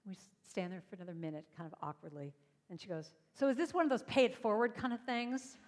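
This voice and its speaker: A woman telling stories to a congregation as a singer and speaker, lively and acting out the voices of the people she quotes. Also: mid-range voice, fast talker, slight background noise. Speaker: singer and speaker at a church service. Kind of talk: storytelling talk to a congregation. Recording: long hall reverb.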